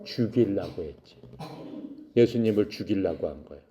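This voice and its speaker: Dark-voiced man teaching a Bible class. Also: low-pitched, expressive, normal speed. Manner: storytelling, asks the listeners questions and answers them himself. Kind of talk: teaching a Bible lesson to young people.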